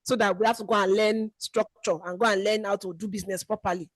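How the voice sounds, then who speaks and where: A webinar host asks an earnest question into a separate mic during an online session, talking through her situation at length. She talks fast at a medium pitch with fairly even intonation, and the sound is clean studio audio with no echo.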